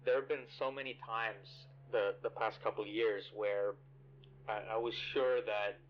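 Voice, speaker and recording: A man's voice: lowish voice, steady tone, muffled recording, a little hiss or hum. A man voicing a stammering anxious man, bitcrushed. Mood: hesitant. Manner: halting, stammering, repeats words.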